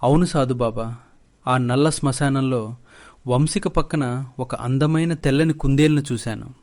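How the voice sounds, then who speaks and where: A man's voice: medium pitch, measured pace, darkish tone, natural voice. A man voicing a wronged young wife in a narrated storybook, speaking in an earnest, pleading way.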